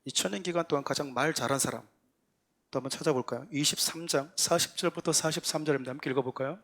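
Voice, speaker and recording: Male pastor, sermon delivery, earnest and emphatic, slightly higher-pitched voice. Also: fast talker, a bit bright. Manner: earnest, rising to emphatic exhortation with acted quotes. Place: church sanctuary.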